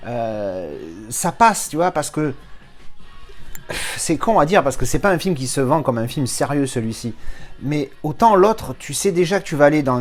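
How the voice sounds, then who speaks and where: Speaking at a medium pitch with a French accent, a man loosely rambles through a review of a movie and its Blu-ray release. His chatty delivery is packed with fillers, false starts, and remarks aimed straight at the viewer.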